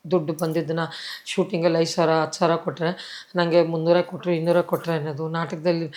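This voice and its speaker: A woman tells her life story in an interview. She speaks with deep feeling and acts out the lines of the people in her story. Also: flat delivery, fast talker, a little mellow. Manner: tearful storytelling, acts out quoted dialogue. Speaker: interview guest, actress. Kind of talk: emotional personal interview.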